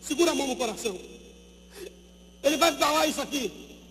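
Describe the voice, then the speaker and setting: A male pastor with a Brazilian Portuguese accent, preaching emphatically into a handheld microphone at a youth event. He repeats numbers and questions and urges the listeners to shout back. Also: very high voice, fairly quick, a little hiss or hum. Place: large gymnasium. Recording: long gymnasium reverb.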